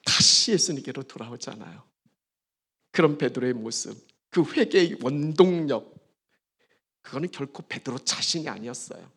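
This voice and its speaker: A man preaching a sermon as pastor, emphatic, with dramatic pauses and swings between soft and loud delivery. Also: medium pitch, lively intonation, creaky, breathy edge. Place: church service.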